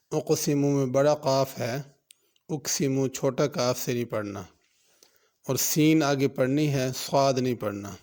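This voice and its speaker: Smooth-voiced man teaching Quran pronunciation. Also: medium pitch, darkish tone. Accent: Pakistani Urdu. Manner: recites verses slowly and drawn out, then explains letter by letter. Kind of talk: tajweed lesson with slow recitation.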